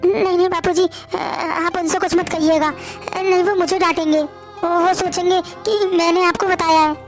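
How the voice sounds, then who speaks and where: Very high, nervous cartoon bahu, woman voicing, stammers a lot, faint music. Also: steady tone, normal speed. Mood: anxious. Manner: hesitant and stammering. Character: timid young woman, a meek daughter-in-law.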